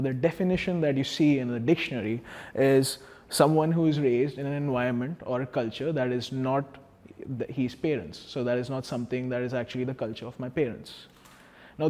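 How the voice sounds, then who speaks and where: On stage in a large, dark hall with a projector screen, a man in his thirties with an Indian accent gives a chatty, self-deprecating public talk, restarting himself many times. His voice is on the high side with a dark tone. He wears a small lapel mic, and the hall adds long reverb.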